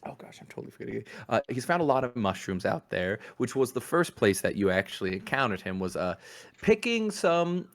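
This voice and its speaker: A man narrating a tabletop game as game master, rambling in a relaxed way with lots of fillers. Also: mid-range voice, fairly quick, gravelly.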